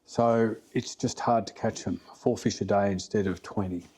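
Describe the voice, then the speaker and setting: A man's voice: fairly low pitch, fairly even intonation, moderate pace, a little mellow, breathy edge, rough recording. A middle-aged Australian man telling stories casually as a fly fishing guide on a podcast, plain-spoken and blokey with emphatic repetition.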